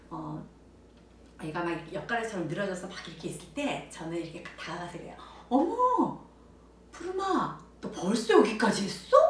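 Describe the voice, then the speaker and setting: A woman explains child discipline with an animated, swooping delivery and acts out bright exclamations to children. She sits a little back from the mic in an echoey room, with a faint hiss of noise behind her. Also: on the low side, distant mic. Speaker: center director giving parenting advice. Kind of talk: parenting talk to camera.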